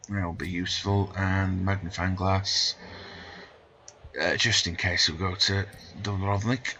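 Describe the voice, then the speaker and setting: A man hosting a gameplay video, reading the game's narration aloud in measured tones and stumbling over some words. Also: low voice, steady tone, bright, forceful tone, highs cut off, slight background noise. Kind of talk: reading game text aloud while playing.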